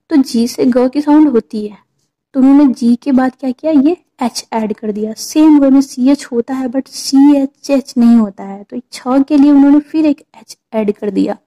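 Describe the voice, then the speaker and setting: A woman's voice: fairly high pitch, dark tone. A woman patiently explaining English pronunciation to viewers, repeating points and checking in with them. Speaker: teacher.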